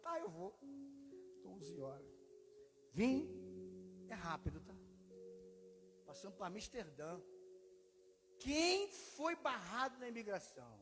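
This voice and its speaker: Animated Brazilian pastor man in echoey hall. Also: sits high, slow pace, pauses often, music in the background. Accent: Brazilian Portuguese. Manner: animated storyteller, acts out prayers, laughs at himself. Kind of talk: sermon with personal testimony. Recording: echoey hall with background noise.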